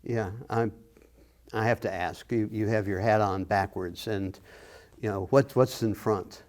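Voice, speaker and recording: Low-voiced male interviewer. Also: steady tone, unhurried, a little mellow. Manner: attentive, brief prompts and musings. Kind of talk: conversational oral history interview.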